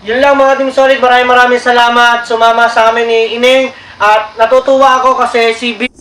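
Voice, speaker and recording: A man's voice: very high voice, level tone, a little fast, fairly bright tone. A man hosting his own vlog outdoors by the sea, chatting casually and thanking his viewers often. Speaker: vlogger host. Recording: echoey with faint noise.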